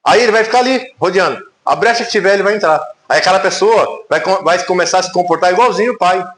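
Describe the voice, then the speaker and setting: Brazilian male pastor, emphatic and conversational sermon, raised pitch, roomy church sound. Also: fast talker, a bit bright. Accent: Brazilian Portuguese. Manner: conversational, emphatic preaching with rhetorical questions. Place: church sanctuary. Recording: echoey church hall.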